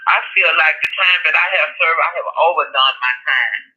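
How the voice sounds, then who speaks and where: A woman's voice: low voice, a little fast, bright, forceful tone, husky. A middle-aged woman, speaking earnestly over a prison phone as an incarcerated interviewee. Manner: earnest, repeats "you know". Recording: muffled prison phone line.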